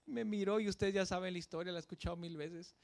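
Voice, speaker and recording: A man from Mexico with a Mexican accent, preaching a sermon as pastor with lively shifts between loud and soft. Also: sits high, fast talker, creaky.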